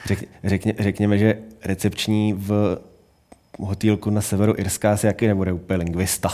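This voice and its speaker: Male co-host, lowish voice, quippy banter. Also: flat delivery, mellow, a little hiss or hum. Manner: joking, quick quips. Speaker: podcast co-host. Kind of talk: casual chat.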